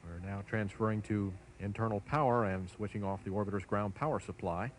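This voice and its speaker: A man giving measured, formal live commentary as a launch commentator. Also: lowish voice, fairly even intonation. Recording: faint background noise.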